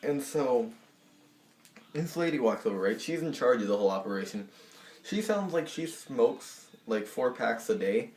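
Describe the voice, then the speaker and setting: A man telling a storytime vlog in a lively, animated way, slipping into the voices of the people in it. His voice sits in a middle register. The room around him is echoey. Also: mid-range voice, normal speed. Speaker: vlogger.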